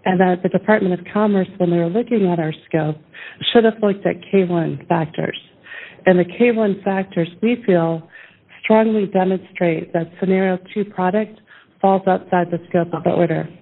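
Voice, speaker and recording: A woman's voice: on the low side, steady tone, moderate pace. A woman speaking as a plaintiff's attorney, making a conversational legal argument in court. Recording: thin phone-like courtroom audio.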